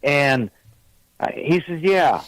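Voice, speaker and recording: A man's voice: mid-range voice, lively intonation, a little slow, low-quality recording. Rambling older male radio caller. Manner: rambling, chatty storytelling with many fillers. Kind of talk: casual call-in chat.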